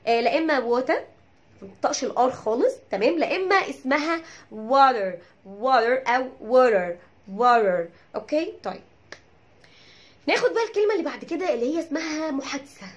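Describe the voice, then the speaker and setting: A woman with an Egyptian Arabic accent teaching English pronunciation, drilling each word by repeating it and checking in with her listeners. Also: high-pitched. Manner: checks in with "tamam?". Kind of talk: pronunciation lesson.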